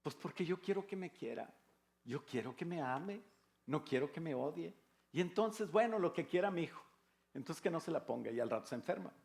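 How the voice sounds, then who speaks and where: A man's voice: a little high, lively intonation, fairly quick, gravelly, darkish tone. An older man with a Mexican Spanish accent, a pastor preaching a sermon in a conversational way, with rhetorical questions and jokes. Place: church.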